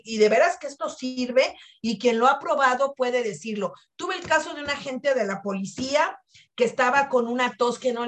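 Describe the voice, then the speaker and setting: A high-pitched woman talks through therapy exercises as a guest. She is animated and slips into the voices of her clients as she explains. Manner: animated, acts out client quotes.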